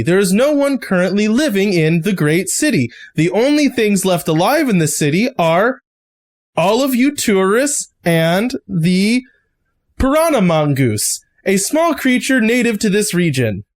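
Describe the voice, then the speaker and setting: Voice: medium pitch, very animated, measured pace, pitched above the performer's own voice. A game master putting on a stiff, formal guide robot. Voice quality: stiff, formal, recited delivery. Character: old city's guide robot, male, formal and dutiful. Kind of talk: voicing a robot in a tabletop game.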